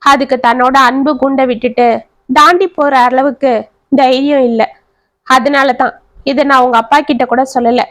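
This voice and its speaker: Storybook mother, middle-aged, gentle and steady, voiced by a woman narrator. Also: high-pitched, moderate pace, no echo. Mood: tender.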